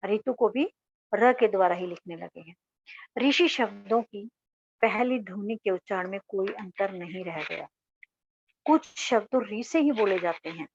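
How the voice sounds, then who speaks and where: Slow Hindi grammar teacher woman. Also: mid-range voice, no echo. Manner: slow, asks questions then answers them herself. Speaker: school teacher. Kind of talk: grammar lesson. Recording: dull, dry lo-fi recording.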